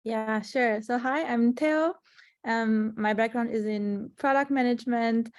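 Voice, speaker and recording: A woman's voice: on the high side, measured pace, no room sound, studio quality. Young woman from Romania, chatty, laughs often, product manager, speaking from an office. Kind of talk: casual panel interview. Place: office meeting room.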